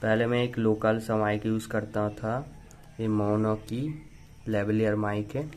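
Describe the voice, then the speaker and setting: A man's voice: lowish voice, level tone, measured pace, darkish tone, slight background noise. A young man casually explaining an unboxing to his viewers as a motovlogger, in a plain, repetitive way.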